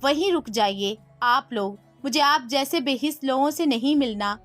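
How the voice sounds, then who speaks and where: A woman's voice: high voice, fairly bright tone, faint music behind. A woman voicing a hurt young mother who speaks coldly and accusingly, read out in a storybook. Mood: bitter. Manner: cold and accusing.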